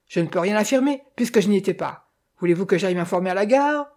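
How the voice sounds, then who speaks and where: A reader voicing a rustic village innkeeper from a detective novel, a man who exclaims and doubts, with a husky voice. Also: mid-range voice, animated, quick pace, a little mellow, voice pushed up, natural voice. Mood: puzzled. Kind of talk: audiobook character reading.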